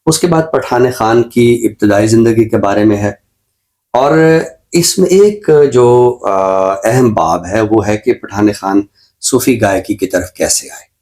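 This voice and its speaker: This show presenter has a Pakistani accent and a fairly low, darkish voice with lively intonation. He delivers an unscripted book review, explaining things in a measured, scholarly manner.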